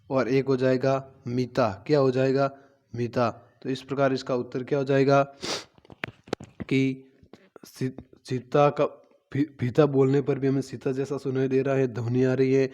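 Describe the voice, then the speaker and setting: A man's voice: mid-range voice, mellow. A man teaching a children's worksheet lesson, patiently repeating each word and answering his own questions.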